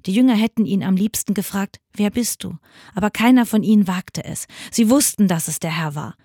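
A woman reading Bible passages aloud in a radio church service, measured and expressive. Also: medium pitch, husky, no echo, clean studio sound. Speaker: scripture reader.

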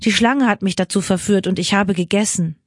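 A woman's voice: medium pitch, a little fast, no room sound, clean studio sound, natural voice. Eve, earnest first woman, read by a woman.

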